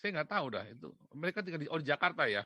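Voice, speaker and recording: A man's voice: a little high, very animated, racing, pushed and bright, no room sound, highs cut off. A man from Indonesia hosting a casual commentary monologue, talking in an emphatic, mocking way and laughing often. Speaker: commentator host.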